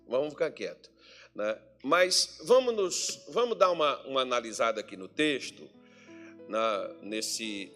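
Lively Brazilian preacher, joking. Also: male voice. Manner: jokey, chatty preaching with lively pitch swings. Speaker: pastor. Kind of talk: sermon. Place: church meeting hall.

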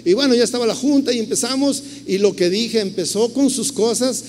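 Mexican male preacher, fairly high voice, earnest sermon, long hall reverb, faint hiss. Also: fairly quick, darkish tone. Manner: earnest storytelling, many restarts.

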